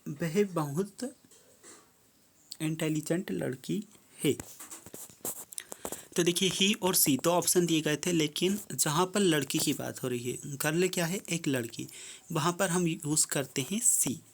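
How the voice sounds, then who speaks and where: Slow, patient classroom teacher. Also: medium pitch, a little hiss or hum. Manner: explains step by step, reads English prompts slowly then explains in Hindi. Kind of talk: worksheet lesson explanation.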